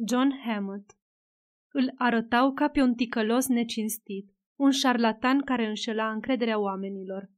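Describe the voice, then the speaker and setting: Slightly high-voiced woman narrating. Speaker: audiobook narrator. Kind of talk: scripted narration.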